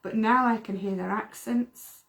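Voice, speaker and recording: A woman's voice: on the high side, fairly even intonation, measured pace, creaky, a bit bright. A middle-aged woman from the UK, a medium chatting earnestly on a livestream and often repeating words. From United Kingdom. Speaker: medium, co-host. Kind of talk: casual livestream chat.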